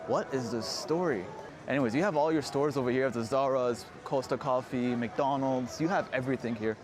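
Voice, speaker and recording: A travel vlogger gives a chatty, casual walking tour outdoors on a city street, with street noise and passing vehicles around him. He talks briskly in a medium-pitched voice.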